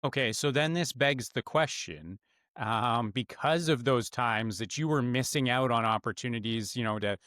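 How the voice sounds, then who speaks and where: A man's voice: mid-range voice, normal speed, a bit bright, no echo, studio quality. A man hosting an interview, asking long, rambling questions full of restarts and fillers. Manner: rambling, many uhs and restarts. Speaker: podcast host.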